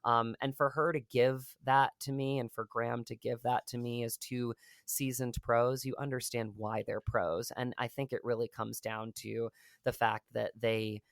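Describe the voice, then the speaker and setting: A man with a mid-range voice speaks at a moderate pace with little pitch movement, and there's no room sound. He's an actor guesting on a podcast, talking earnestly and at length in casual interview fashion, full of fillers and restarts.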